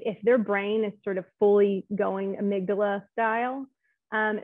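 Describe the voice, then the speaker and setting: A woman therapist gives a relaxed, chatty presentation, often turning to her listeners with a quick "right?". Her voice sits at an ordinary middle pitch. It comes through a thin, phone-like video call line. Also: no room sound. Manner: chatty, keeps asking "right?" to check in with listeners. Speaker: clinical social worker presenting to clinicians. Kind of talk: conversational webinar presentation. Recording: tinny phone-like audio.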